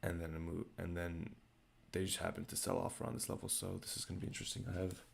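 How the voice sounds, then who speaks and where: A young adult man with a raspy voice streams his day trading live, thinking aloud in low-key, casual commentary. He talks fast with a level tone.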